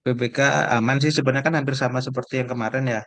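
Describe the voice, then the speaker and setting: A man who is taking part in an online training class, giving brief, relaxed replies. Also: mid-range voice, quick pace, no room sound. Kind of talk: casual chat in online class.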